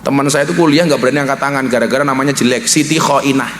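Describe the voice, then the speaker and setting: A man preaching a humorous religious sermon with a Javanese accent, joking with the audience and acting out voices with big swings in pitch. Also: fairly even intonation, racing. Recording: echoey hall with faint noise.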